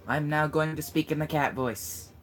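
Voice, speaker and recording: A man's voice: fairly high pitch, monotone, a little fast, a bit bright. A man chatting casually over a video game, teasing and giving tips to the friend playing beside him. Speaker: gamer coaching a friend. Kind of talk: casual let's-play chat. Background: game music.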